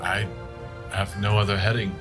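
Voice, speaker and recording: Male tabletop player, deep voice, measured and formal in-character dialogue, noticeable background music. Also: little pitch movement.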